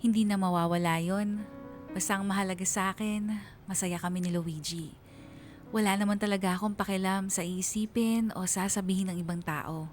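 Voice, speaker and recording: In a sentimental, conversational Filipino radio drama, an actress plays a young college woman narrating her love story. Her voice is medium-pitched and natural.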